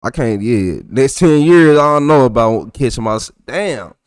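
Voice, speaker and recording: On a casual livestream, a young adult man with a thick Texas accent reads his chat's comments and reacts to them. His mid-range voice is expressive and clear with a resonant tone, at a moderate pace. It's a dry, studio-quality recording.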